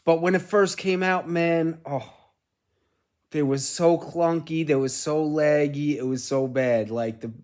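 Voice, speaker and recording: Middle aged new dude, slightly high voice, rambling streamer chat, swears casually. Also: male voice, a little slow. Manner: animated storytelling with casual swearing. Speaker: gaming streamer and host.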